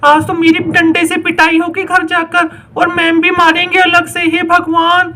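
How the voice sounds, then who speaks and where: Woman doing a fretful little schoolgirl doll, very high voice, flat and level, pleading and praying. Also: measured pace, full character voice. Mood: panicky. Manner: anxious, pleading, praying aloud. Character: panicky young schoolgirl doll fretting over exam. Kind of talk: doll story role-play.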